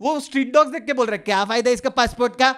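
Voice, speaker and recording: A young man with a Mumbai Hindi accent doing an animated stand-up set on a club stage, swinging his voice into quick street characters. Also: very high voice. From India. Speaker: stand-up comedian. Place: comedy club stage with live audience. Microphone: handheld stage mic. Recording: live club recording with audience laughter.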